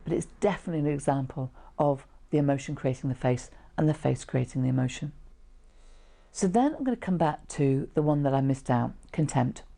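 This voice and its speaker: A middle-aged woman teaches in an informal, conversational style. Her voice sits low and has a mellow tone with plenty of creak. She explains each point plainly, as if chatting to a small class. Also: brisk. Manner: explanatory, conversational, with short illustrative asides. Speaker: trainer teaching how to read facial expressions. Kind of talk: informal instructional presentation to camera. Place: small indoor room, seated.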